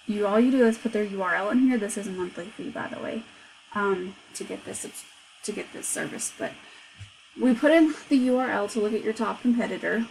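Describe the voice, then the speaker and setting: A woman's voice: medium pitch, creaky, a little mellow, slight background noise, low-quality recording. A woman who owns a marketing agency, talking through a screen recording step by step in a casual, conversational way. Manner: conversational, explaining step by step with frequent "so". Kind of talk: screencast walkthrough.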